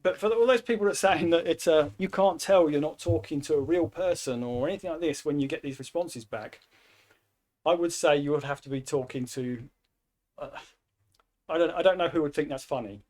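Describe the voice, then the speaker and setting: A man's voice: a little high, fairly quick, darkish tone. A man co-hosting a casual podcast, teasing his co-host with mock-dramatic build-ups and free swearing. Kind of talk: casual banter.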